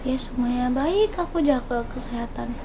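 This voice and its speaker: A woman's voice: high voice, moderate pace. A young adult woman chatting casually with viewers and family in a home vlog. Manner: chatty, greets viewers brightly. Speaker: vlogger. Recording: noisy home video recording.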